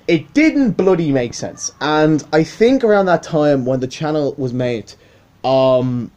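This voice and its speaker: A young man with a fairly high, slightly mellow voice chats casually about his YouTube channel in a vlog-style monologue. He rambles, corrects himself as he goes, and swears along the way.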